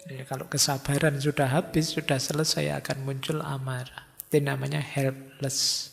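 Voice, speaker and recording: A middle-aged man giving an informal philosophy study lecture, telling lively stories with acted quotes. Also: medium pitch, normal speed, creaky. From Indonesia. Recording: music under long hall reverb.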